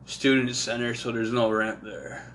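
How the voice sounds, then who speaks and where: A man's voice: medium pitch, level tone, unhurried, a bit bright, slight background noise. Man announcing event details casually. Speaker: event co-host. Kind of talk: casual live-stream chat.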